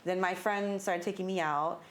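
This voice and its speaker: A woman's voice: lowish voice, fairly even intonation, normal speed, fairly bright tone. A woman candidly telling a personal story in casual chat, swearing freely. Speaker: guest.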